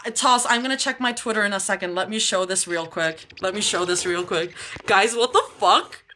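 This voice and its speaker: A woman live streamer chatting and reacting to her audience, excitable and often bursting into squealing laughter. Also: mid-range voice, brisk, slight background noise.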